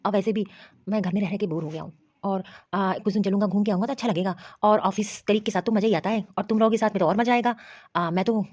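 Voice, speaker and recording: A woman voicing a bossy, dismissive young husband and son in an animated cartoon. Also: mid-range voice, fast talker, dry recording, close to an everyday voice. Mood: casual. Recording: dry, dull lo-fi audio.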